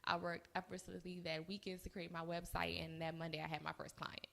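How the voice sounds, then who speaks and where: A woman's voice: on the low side, level tone, a little fast, creaky, a bit bright. A woman in her early twenties, a podcast co-host, telling her story in casual, chatty chat with laughs. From United States. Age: 20s. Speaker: co-host and business owner. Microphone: live-streamed recording.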